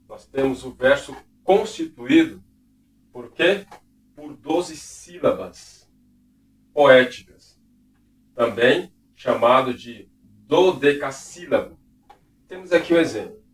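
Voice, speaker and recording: A man teaching a recorded class lesson in a didactic way, often checking in with the listener. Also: medium pitch. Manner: didactic, checks in with "tudo bem?". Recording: roomy, distant from the mic.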